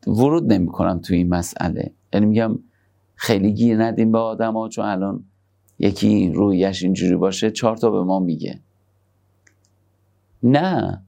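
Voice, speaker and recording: A man giving a conversational sermon on parenting, moving between soft, tender asides and emphatic points. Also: on the low side, gravelly. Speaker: religious speaker.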